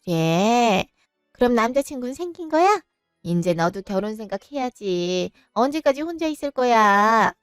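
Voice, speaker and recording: A scornful, nagging mother-in-law, as a woman narrator puts her on in a storybook drama. She scolds in drawn-out, smooth-voiced tones. The sound is dry and close, with faint music beneath. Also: on the high side, big pitch swings, dry recording. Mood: doting. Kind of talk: storybook voice acting.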